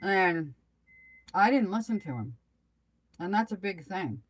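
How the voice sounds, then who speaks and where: A woman's voice: medium pitch, expressive. Older-ish lady just chatting on her livestream, takes her time, kinda rambly, loses her train of thought. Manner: rambling and halting, trailing off mid-thought. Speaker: live stream host chatting with viewers. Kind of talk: casual chat on a live stream.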